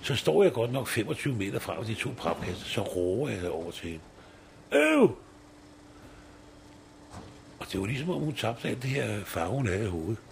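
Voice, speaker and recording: A man's voice: on the low side, expressive, gravelly, hardly any pauses, slight background noise. A man in his sixties, a recycling site worker, talking casually in an interview and rambling with tag questions.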